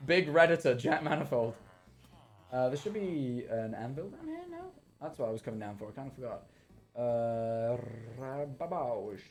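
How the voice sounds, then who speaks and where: A man's voice: medium pitch, very animated, moderate pace, a little mellow. A young man streaming a game, chatting casually, rambling, correcting himself and swearing freely. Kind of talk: casual livestream chat while gaming.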